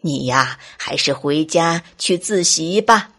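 A woman's voice: animated, fairly bright tone, breathy edge, exaggerated voice. A woman doing a stern old goat teacher. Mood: stern, sighing. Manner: slow, lowered, weighty teacherly tone. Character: old bearded male goat schoolteacher, stern. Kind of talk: bedtime storybook reading.

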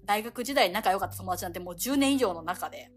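A woman in her thirties co-hosting a podcast, telling stories in a rapid, very talkative casual chat. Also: mid-range voice, animated, faint music behind. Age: 30s. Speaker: podcast co-host.

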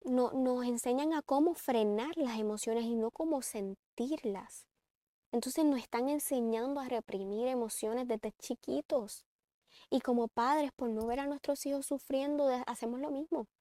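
A woman's voice: high-pitched, a little slow, no echo. Lady talking parenting, earnest, dry close sound. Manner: earnest, advising, shifts between calm and emphatic. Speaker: parenting speaker. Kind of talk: reflective talk on a book.

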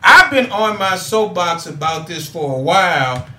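Speaking in a high, sing-song voice that's pushed and bright, this talk show host keeps a measured pace as he grows preachy and hammers points through repetition. The room sounds echoey.

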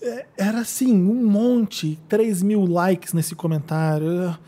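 A man's voice: sits high, fairly even intonation, slow pace, mellow. A man co-hosting a casual podcast, chatty and venting, poking fun at how people talk. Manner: chatty, venting, mocking phrasings. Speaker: podcast co-host.

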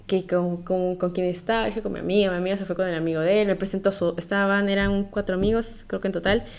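A woman's voice: quick pace, clean tone. A young Peruvian woman with a Peruvian accent, casually telling a personal story and acting out the quoted lines with a rising voice. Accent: Peruvian Spanish. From Peru. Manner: lively, acts out quoted lines with rising pitch. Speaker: podcast storyteller.

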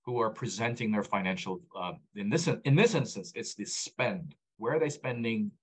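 Poor audio captures a man with a lowish, breathy-edged voice speaking at normal speed. He is a guest on a conversational podcast interview, a data platform founder of Egyptian background who grew up abroad, earnestly walking through his data work with frequent restarts and repeated key points.

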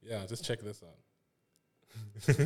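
A young South African man, an illustrator and art director, guests on a podcast in a fairly low, mellow, slightly rough voice, drawing out his words. The chat is laid-back, and he laughs often and trails off mid-sentence.

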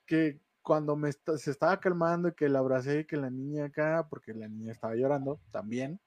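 A man's voice: fairly high pitch, fairly quick, a little mellow, no room sound. A man with a Mexican Spanish accent, co-hosting a casual podcast chat and telling a ghost story with slang and laughter. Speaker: podcast co-host.

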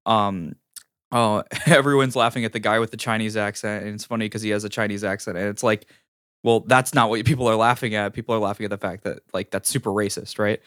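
A man's voice: fairly low pitch, steady tone, brisk, fairly bright tone, no room sound, clean studio sound. A man co-hosting a casual podcast, telling stories animatedly and laughing often. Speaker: podcast co-host. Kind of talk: casual chat.

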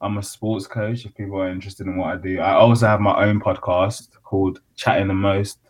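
A man's voice: low-pitched, level tone, brisk. A man, hosting a podcast with casual, slangy banter. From Zimbabwe. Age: 20s. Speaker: podcast host.

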